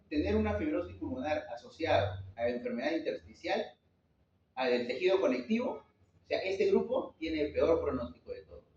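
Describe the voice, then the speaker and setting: A man's voice: on the high side, darkish tone, slight background noise. A man giving a medical class lecture, asking rhetorical questions and checking in with his students. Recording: echoey, distant, dull room recording.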